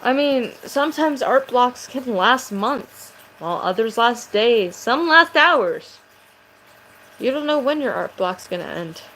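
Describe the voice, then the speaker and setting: A woman's voice: fairly high pitch, animated, a little slow, a bit bright, slight background noise, low-quality recording. A woman vlogger chatting casually to camera, rambling and swearing, with a voice that sounds aggressive.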